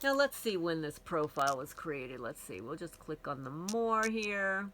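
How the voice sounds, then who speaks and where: Woman, Kentucky accent, casual home vlog, lowish voice, rambling with ums. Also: sing-song, unhurried, a bit bright, distant mic, a little hiss or hum, rough recording. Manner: chatty, rambling, many ums and restarts. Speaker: homesteading channel vlogger. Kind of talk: casual vlog talk to viewers.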